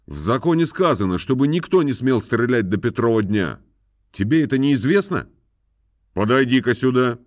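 A man's voice: medium pitch, darkish tone, no echo, clean studio sound, voice pushed up, lightly acted. A man voicing a pompous country landowner who scolds and moralizes at length. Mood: scolding. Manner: moralizing, scolding, sing-song.

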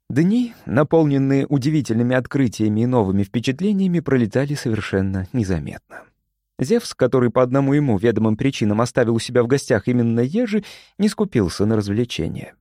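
Male narrator, scripted storytelling: mellow and animated, dry close sound. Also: medium pitch, no echo. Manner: expressive, measured storytelling. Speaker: audiobook narrator.

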